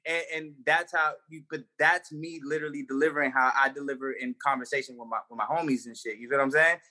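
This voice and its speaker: A man's voice: mid-range voice, steady tone, fast talker, bright, forceful tone. A young man, a comedian, chatting casually on a podcast in loose slang with lots of fillers and restarts. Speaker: comedian guest.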